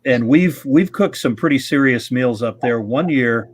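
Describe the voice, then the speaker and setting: Middle-aged guy hosting a live stream, rambling story mode, regular pitch. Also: measured pace, breathy edge. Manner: rambling anecdotes with chuckles and restarts. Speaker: host of a live amateur radio stream. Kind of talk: casual chat, storytelling.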